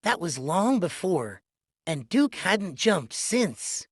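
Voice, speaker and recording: A woman's voice: lowish voice, sing-song, takes it slowly, slightly rough, no room sound, studio quality. A woman narrating a children's read-along storybook in a scripted storytelling style. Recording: music behind the voice. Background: music.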